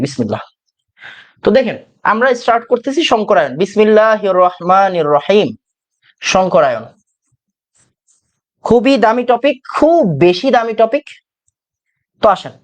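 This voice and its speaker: A male chemistry teacher, giving an exam-prep lecture. He repeats key phrases over and over, asking questions and answering them himself. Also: very high-pitched. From Bangladesh.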